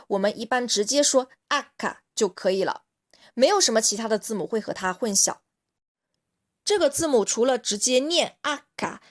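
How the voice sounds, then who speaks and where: A woman language teacher with a Mandarin Chinese accent, patiently explaining a lesson in careful steps. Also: a little high.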